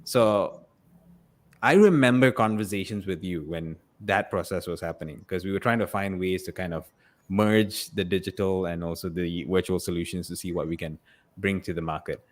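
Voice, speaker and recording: A man hosting a live podcast conversation, thoughtful and hesitant, with frequent fillers and soft laughs. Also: sits low, normal speed. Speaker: podcast host. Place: room with guests.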